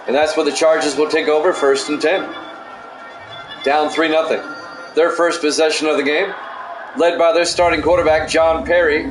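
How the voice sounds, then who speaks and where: A middle-aged man hosting a stream and calling simulated football plays in a measured, matter-of-fact way, with casual asides. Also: on the high side. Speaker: play-by-play announcer and stream host. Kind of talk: simulated football play-by-play commentary. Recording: echoey room with steady background noise.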